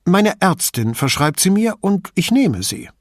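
A man's voice: very animated, unhurried, no echo, clean studio sound. A man playing a chatty frail old widow. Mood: confiding. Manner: rambling, confidential, lowers voice to a whisper.

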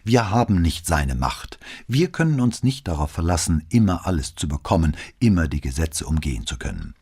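A man's voice: low voice, big pitch swings, normal speed, a little mellow, slightly rough, exaggerated voice. A man voicing a tired, brooding middle-aged police detective who speaks tersely in an audiobook. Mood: angry. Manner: terse, defensive, then apologetic. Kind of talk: audiobook reading.

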